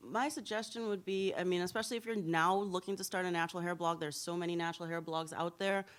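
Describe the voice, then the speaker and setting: A woman's voice: fairly low pitch, steady tone, fast talker. A woman in her thirties from Trinidad and Tobago, a hair blogger answering interview questions in a candid storytelling way at a symposium.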